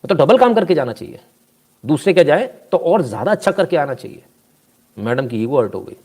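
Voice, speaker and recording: Reading viewer comments aloud and sharing anecdotes, this man delivers casual live commentary in an animated, scolding tone. His voice is a little high and his pace fairly quick.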